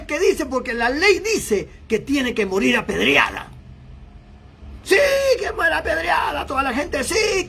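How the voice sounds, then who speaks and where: A male pastor delivers an impassioned sermon and acts out the voices of a shouting crowd. His voice sits unusually high for a man. It has a husky edge.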